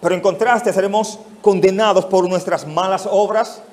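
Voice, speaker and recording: A man's voice: sits high, fairly even intonation, normal speed, a little mellow. Mexican preacher man, questioning his flock. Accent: Mexican Spanish. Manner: addresses congregation directly, rhetorical questions. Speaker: pastor. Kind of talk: expository sermon.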